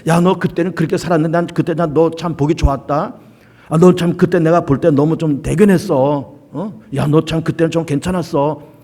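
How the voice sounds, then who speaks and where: God the judge, as a pastor voices him. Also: male voice, high-pitched, normal speed, darkish tone. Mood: praising. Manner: repeated probing questions. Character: God as judge questioning a believer, male.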